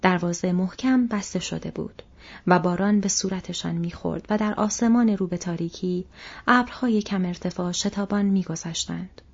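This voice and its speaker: A woman reading an audiobook aloud, soft and measured, her voice husky and breathy. The recording sounds dull and lo-fi. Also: on the low side, steady tone. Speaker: audiobook narrator.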